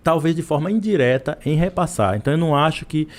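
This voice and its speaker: A man's voice: a little high, fast. Hesitant Brazilian man, professor guest. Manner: hesitant, many restarts and repeated words. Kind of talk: podcast interview.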